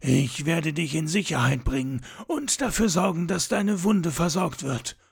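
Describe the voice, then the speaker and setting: A man reading a battle-hardened warrior leader, fervent, husky, raised pitch. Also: animated, unhurried, heavily acted. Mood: soothing.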